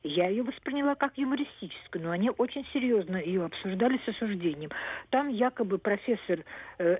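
A woman phones a radio show and asks her question politely, sounding unsure. Her voice is husky. The sound comes through a tinny phone line. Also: mid-range voice. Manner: polite, doubtful. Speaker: caller.

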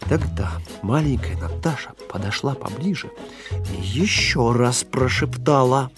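A man reading a children's story aloud in an expressive, lilting way. His mid-pitched voice rises and falls widely through each sentence. Faint music plays underneath. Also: unhurried. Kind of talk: storybook narration.

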